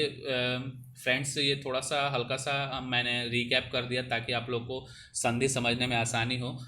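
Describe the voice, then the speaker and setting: A man's voice: mid-range voice, sharp tone, slight background noise. A man teaching grammar, explaining patiently step by step and often checking in with his students. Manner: explanatory, repeats "ठीक है ना" to check understanding. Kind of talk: Hindi grammar lesson over a screen.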